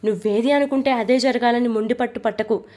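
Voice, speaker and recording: A woman's voice: on the high side, steady tone, fairly quick, natural voice. A woman voicing a defiant young wife who refuses her husband's terms in a storybook reading. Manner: defiant, sharp.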